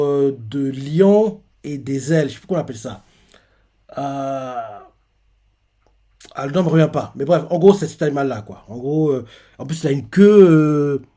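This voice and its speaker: Mellow-voiced man rambling through a reaction. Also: fairly high pitch. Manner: rambling, many fillers and restarts, retells panels aloud. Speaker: manga reaction host. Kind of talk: live reaction, casual commentary.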